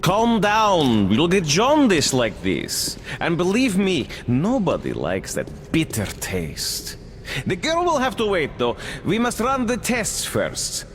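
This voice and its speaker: A smug cannibal leader. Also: male voice, high voice, wildly swooping pitch, slow pace, big-room sound, a little hiss or hum, exaggerated voice. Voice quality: mocking, smooth and theatrical. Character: menacing cannibal leader, smug male official. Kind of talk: video game voice acting.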